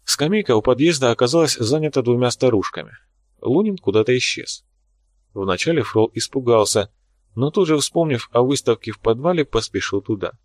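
A man reads a novel aloud in an even, measured voice of middle pitch. The recording is close and dry, with no room sound. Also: dry recording. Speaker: audiobook narrator. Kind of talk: scripted narration.

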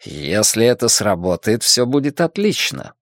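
A man's voice: medium pitch, big pitch swings, measured pace, dry recording, studio quality. A man voicing a domineering, scheming middle-aged male town boss in an audiobook. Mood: menacing. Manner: domineering and mocking.

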